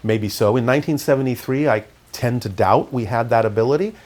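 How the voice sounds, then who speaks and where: With a low-key, measured calm, a middle-aged interview guest tells reflective stories about things he's lived through. He is from Canada and spent his upbringing in California.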